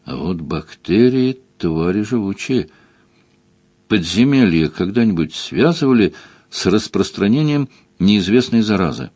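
A man narrating an adventure novel in steady, unhurried scripted narration. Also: lowish voice, husky, dry recording. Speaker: audiobook narrator.

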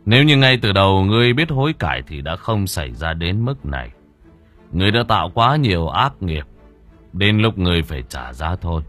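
A man voicing a calm, commanding old male exorcist master who speaks in stern, measured words. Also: deep voice, soft background music.

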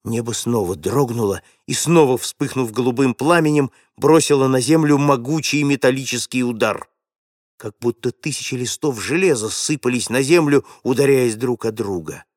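A man narrating a classic story in a measured, dramatic way. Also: mid-range voice, no echo, clean studio sound. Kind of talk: audiobook reading of a classic story.

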